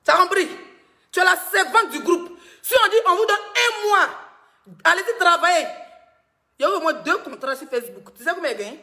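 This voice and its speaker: A woman's voice: high voice, pushed and bright. A woman blogger, giving teasing gossip commentary on a live stream and laughing often.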